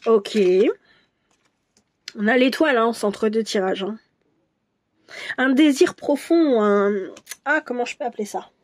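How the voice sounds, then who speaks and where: A woman doing a casual tarot reading for viewers, musing and hesitant, with many restarts and soft asides. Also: on the high side, unhurried, long pauses. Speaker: tarot reader.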